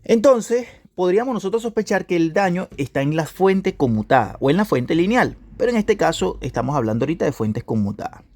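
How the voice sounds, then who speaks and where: Lively man teaching electronics repair. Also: high-pitched, fairly quick, hardly any pauses, no echo. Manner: repetitive, asks "¿ya?" to check understanding. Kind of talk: video class lecture.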